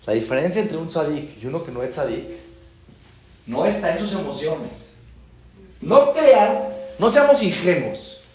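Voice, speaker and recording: A man's voice: a little high, a little slow, pauses often, soft background music. A man, a rabbi giving a Torah class, acting out stories and repeating phrases for emphasis. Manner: animated, acts out dialogues, repeats phrases for emphasis. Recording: roomy echo.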